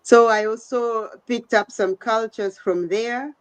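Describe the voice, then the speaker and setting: A woman's voice: a little high, fairly even intonation, slow, smooth. A middle-aged woman from Uganda, a guest in an online interview, speaking conversationally with frequent fillers over a video call. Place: home, The Hague.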